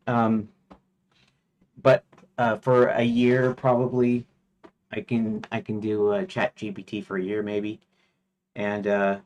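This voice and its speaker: Streaming his game development, a man with a medium-pitched voice chats casually and rambles. He uses lots of fillers and restarts, and sometimes mutters lists aloud in a flat tone.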